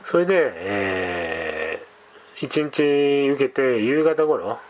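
A man's voice: medium pitch, animated, extremely slow, a little hiss or hum. A man telling a scary story in a casual, rambling way, with conversational asides. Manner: rambling, many fillers and restarts, conversational asides.

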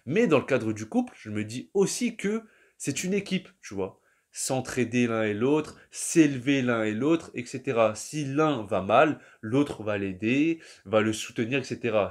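A young man, talking casually and at length to his viewers in a loose, slangy monologue that often trails off. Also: medium pitch. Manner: slangy, rambling, addresses the listener as "tu". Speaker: vlogger.

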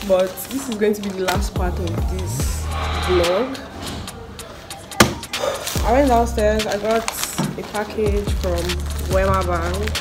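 A woman's voice: mid-range voice, takes it slowly, over loud music. A woman chatting bluntly while unboxing things at home, swearing casually. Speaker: vlogger.

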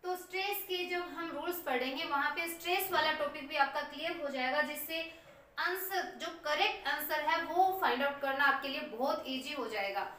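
High bright teacher in an echoey room. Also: female voice. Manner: slow, repeats words aloud syllable by syllable while writing. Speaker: English teacher. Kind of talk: Hindi-language lesson on English phonetics. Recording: echoey room heard from a distance.

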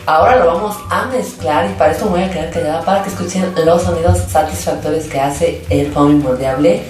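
A woman hosts a casual craft tutorial in an enthusiastic, sing-song way. Her voice sits at a middle pitch. It sounds very echoey and set back from the mic, with clear music behind it. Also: brisk, a little mellow. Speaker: host of a slime craft channel. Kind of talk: casual hands-on craft narration. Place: indoors at a tabletop, hands-only shot. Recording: very echoey room, distant mic, background music.

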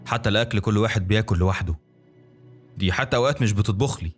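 Casting note: Egyptian man, horror story narrator, very rapid delivery, music bed behind. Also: lowish voice. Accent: Egyptian Arabic. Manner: rapid, colloquial, conversational. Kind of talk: dramatic first-person story narration.

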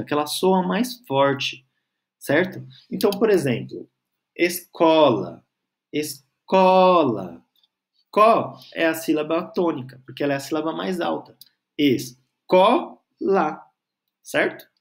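A male teacher with a slightly higher voice and very lively intonation. He explains grammar patiently, drags out syllables when he spells words, and keeps checking that the learner is following. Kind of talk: online grammar lesson.

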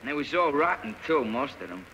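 A young male actor playing a boastful, excitable teenage street boy with a New York accent in 1930s film style. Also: mid-range voice, brisk, slight background noise. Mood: excited. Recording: muffled old film soundtrack under loud music.

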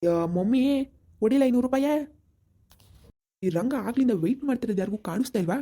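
A woman doing a boastful young village lad in a comedy skit, quick-talking and swaggering. The voice is dark and mellow, wheedling and full of show-off bravado. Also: fairly high pitch, slightly rough.

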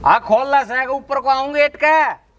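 A man plays a town drunk of a son-in-law in a village comedy. His high-pitched voice has a Haryanvi accent, and he rambles on with stubborn, boastful swagger, picking arguments brazenly. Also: a little slow, fairly bright tone, a little hiss or hum. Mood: loud, demanding. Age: young adult. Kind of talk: Haryanvi comedy skit acting. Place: open concrete house courtyard, outdoors.

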